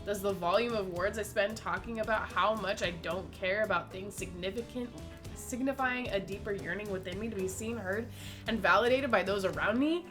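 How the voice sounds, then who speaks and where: A woman's voice: mid-range voice, a little fast, over music, natural voice. Lady reading as a grumpy brooding killer, sarcastic, pretends not to care. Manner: sarcastic rhetorical questions. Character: brooding angry killer, denies caring, self-serious. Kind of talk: dramatic game dialogue reading.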